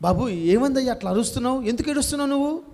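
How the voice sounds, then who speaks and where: A man's voice: extremely high pitch, expressive, rapid-fire, darkish tone, pitched above the performer's own voice. A man voicing a shrewd neighbor who questions and scolds an old man in a sermon story. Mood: scolding.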